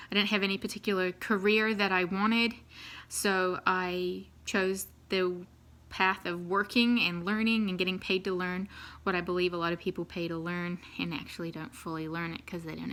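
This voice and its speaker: A woman's voice: lowish voice, flat delivery, moderate pace, fairly bright tone. A New Zealand woman in her thirties telling her life story casually to the camera, with many ums and easy laughs.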